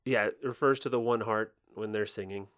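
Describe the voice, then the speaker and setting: A young adult man co-hosting a podcast, joking around in casual commentary over festival footage. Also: on the low side. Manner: joking, animated, quick deadpan gags. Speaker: podcast co-host.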